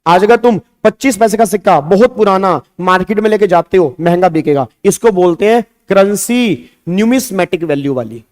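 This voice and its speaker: A man with an Indian accent teaching tax law in a lively online class, teasing his students and asking them questions. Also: high voice, moderate pace, few pauses.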